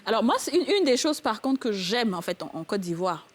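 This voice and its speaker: A woman hosting a talk show, chatting with her guests in a lively, familiar way. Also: medium pitch, fairly quick. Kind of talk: casual talk-show chat.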